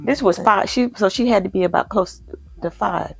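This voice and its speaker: A woman's voice: mid-range voice, moderate pace, vocal fry, breathy edge, no room sound. A woman, a mother chattily telling family stories, often repeating herself. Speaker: mother guest. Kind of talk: casual family storytelling.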